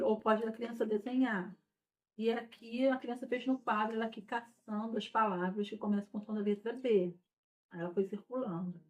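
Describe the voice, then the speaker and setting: A woman teacher explaining a lesson patiently, often checking in with her listeners as she goes. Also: medium pitch. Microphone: recorded without a microphone. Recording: dull lo-fi sound without a microphone.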